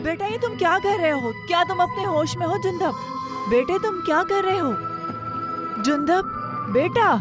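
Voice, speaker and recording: Anxious mother, high pleading voice, dubbed film, music behind. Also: moderate pace, long pauses. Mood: alarmed. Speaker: worried mother. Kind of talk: Urdu dubbed film acting.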